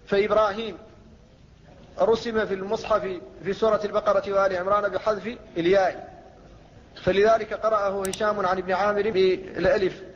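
A man's voice: sits high, a little hiss or hum. A man teaching a classical lecture on Quran recitation, explaining steadily and quoting verses. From Mauritania. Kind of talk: classical Arabic lecture on tajweed. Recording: dull lo-fi lecture recording with long reverb.

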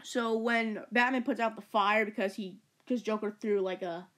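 Young woman rambling thru a movie review, tons of "like"s, trips over her words cuz she's excited, middle pitch. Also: normal speed. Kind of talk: casual video review.

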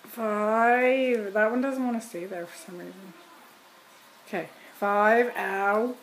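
A woman's voice: medium pitch, fairly even intonation, slow, a little hiss or hum. A woman in her thirties chatting casually to her phone camera at home, with a wry, wincing, complaining manner. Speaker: vlogger doing a challenge. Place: small room indoors, on a couch. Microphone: phone at arm's length.

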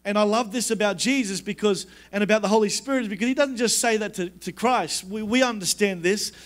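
High-voiced man preaching a sermon. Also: fairly quick. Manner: emphatic, repeats phrases for effect, drops low and soft for God's words. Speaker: pastor.

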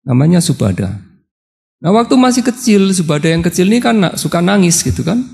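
A man's voice: high voice, very animated, brisk, gravelly, darkish tone, big-room sound. A man, a Buddhist monk, giving a dharma talk on retreat who tells a story, acts out the characters' lines and often laughs. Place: meditation hall on retreat.

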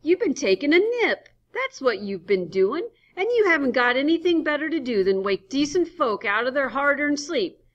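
A woman voicing a gruff, scolding rural man who runs a roadside stand, woken in the night, on a dull lo-fi recording. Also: high-pitched, very animated, measured pace, fairly bright tone, pitched above the performer's own voice, exaggerated voice. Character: gruff sleepy rural male stand owner.

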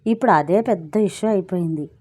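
A woman's voice: fairly low pitch, fairly quick, darkish tone, slightly rough. A woman reading a story and voicing a chatty married woman who complains breezily and justifies herself. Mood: complaining. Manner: breezy, gossipy, self-justifying.

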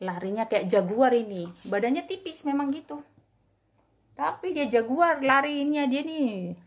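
A woman vlogging as she feeds her dogs, talking to them in a singsong, affectionate way, cooing and scolding in turns. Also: on the high side. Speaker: dog owner feeding her dogs. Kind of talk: casual vlog talk to pets.

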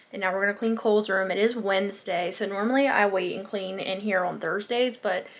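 A woman's voice: mid-range voice, fairly bright tone. Chatty woman vlogging at home. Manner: chatty and rambling, with frequent fillers like "um" and "like". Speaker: lifestyle vlogger. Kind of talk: casual day-in-the-life vlog chat. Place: small bedroom at home, indoors.

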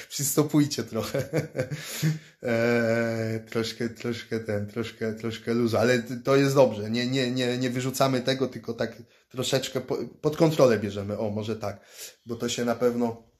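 In a small indoor room, a thirtysomething Polish vlogger, who works as a fighter and self-defense instructor, chats casually into a phone or laptop camera held close. His voice is mid-range, steady, unhurried, and a little mellow. He tends to ramble and often repeats words as he starts over.

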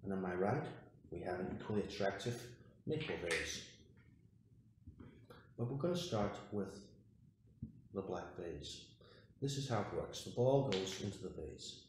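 Male magician presenter, lowish voice, orderly demonstration patter; heavily reverberant home recording with faint noise. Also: animated, unhurried, long pauses, a little mellow. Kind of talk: scripted magic routine patter to camera. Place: indoor room at a wooden table. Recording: very echoey room, faint noise, clicks.

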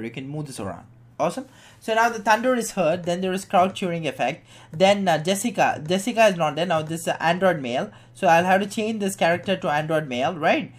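Hesitant man teaching a software tutorial. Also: sits high. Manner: hesitant, many fillers, keeps asking "right?"; thinks aloud while clicking through menus. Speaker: software instructor. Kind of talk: screen-recorded software tutorial.

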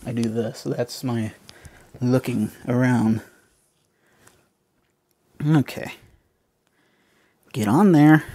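Talking to his viewers as folks, this man keeps up chatty, self-mocking commentary as he assembles a toy kit. He speaks very slowly with long pauses, in a warm, mid-range voice, and there's no room sound at all.

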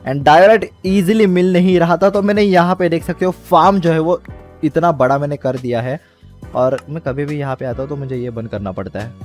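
A man's voice: fairly high pitch, darkish tone. Young male gamer narrating gameplay. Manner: explains step by step, mixes English words into speech. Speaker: gaming channel host. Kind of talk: casual gameplay commentary.

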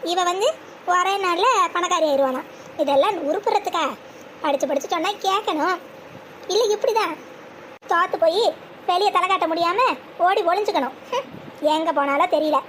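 A woman's voice: extremely high pitch, fairly quick, a bit bright, a little hiss or hum. A woman voicing a spiteful, scheming old grandmother in a cartoon, scornful and scolding. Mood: gloating.

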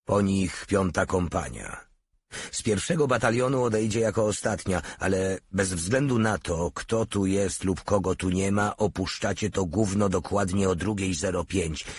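Man reading as battalion commander, curt, authoritative, low, husky. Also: moderate pace, no room sound. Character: calm scarred male battalion commander.

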